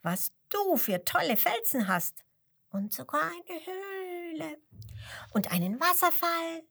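A cheeky high-voiced penguin, as a woman puts him on. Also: very animated, a little slow, creaky, fairly bright tone, full character voice. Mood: cheeky, cheerful. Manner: perky, laughing, bouncy. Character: cheeky cheerful small penguin, male.

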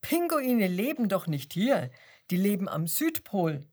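A woman's voice: medium pitch, very animated, a little slow, darkish tone. A woman voicing a grumpy, bored male lion in a zoo story, grumbling and sulky.

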